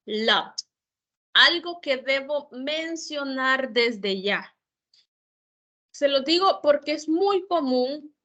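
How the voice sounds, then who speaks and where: A woman's voice: high-pitched, sharp tone. A woman tutor giving an online grammar lesson, explaining each rule patiently, step by step, with examples. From El Salvador. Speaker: English tutor.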